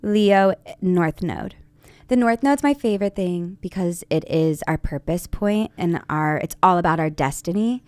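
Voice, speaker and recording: A woman's voice: lowish voice, measured pace, darkish tone, dry recording. A woman hosting an astrology chat show, talking in a bubbly, upbeat way full of "like". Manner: bubbly, upbeat, filler-heavy. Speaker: astrologer podcast host. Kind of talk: casual interview chat.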